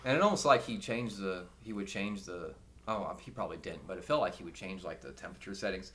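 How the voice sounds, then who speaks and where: A man's voice: deep voice, fast talker, a little hiss or hum. A man hosting a podcast, chatting casually and laughing often while telling school stories. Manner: laughs often, animated storytelling. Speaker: podcast host. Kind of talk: casual chat.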